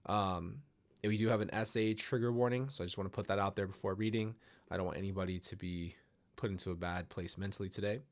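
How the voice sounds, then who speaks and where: Talking fast in a deep, fairly evenly intoned voice, a man hosts a relaxed livestream where he reads viewers' stories and chats. He rambles, apologizes, and restarts a lot, sounding a little nasal from a stuffy nose.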